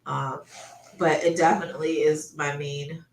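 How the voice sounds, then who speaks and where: A woman's voice: deep voice, fairly even intonation, a little slow, slight background noise. A woman with a stuffy nose, breathing through her mouth, rambling casually and thinking aloud as she livestreams. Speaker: artist livestreamer chatting while painting. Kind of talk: casual chat. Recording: roomy, echoey sound.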